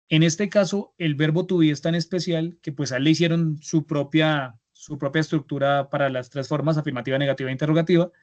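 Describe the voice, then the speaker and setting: Colombian male teacher, slightly high voice, patient, dull lo-fi video call. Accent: Colombian Spanish. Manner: patient, repeats words, slow model phrases. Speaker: English instructor. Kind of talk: online class teaching. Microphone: computer mic on a video call.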